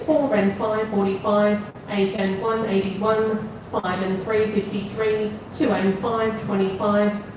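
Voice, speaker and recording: Woman bingo caller reading out numbers steady n repetitive, big echoey hall, clear noise behind. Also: medium pitch. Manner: measured, repetitive announcer delivery of numbers. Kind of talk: bingo calling, numbers read digit by digit. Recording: echoey hall PA, distant, noisy room.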